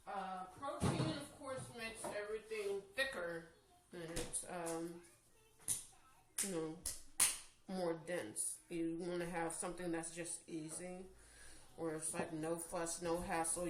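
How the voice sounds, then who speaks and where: A tired woman recovering from surgery, casually giving practical advice to viewers in a vlog. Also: lowish voice. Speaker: vlogger sharing her jaw surgery recovery. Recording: echoey room with clear background noise.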